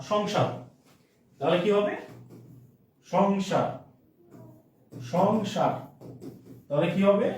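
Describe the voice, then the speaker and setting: Echoey, high-voiced man teaching a lesson. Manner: repeats words, checks understanding often. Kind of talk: online grammar lesson. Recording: very echoey room, distant mic.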